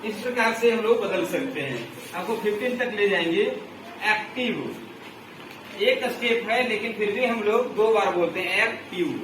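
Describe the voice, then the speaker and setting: Male teacher, slow drill-style delivery; heard far off in a noisy, echoey room. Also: high voice. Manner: slow, drawn-out recitation with repeated drills. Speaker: English teacher. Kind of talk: classroom grammar lesson.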